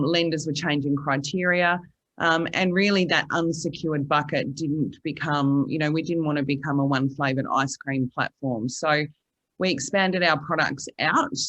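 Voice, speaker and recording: A woman's voice: low voice, fairly bright tone, muffled recording. Upbeat Australian businesswoman on a panel. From Queensland. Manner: enthusiastic, many fillers. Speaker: panelist, finance platform representative. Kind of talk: panel answer.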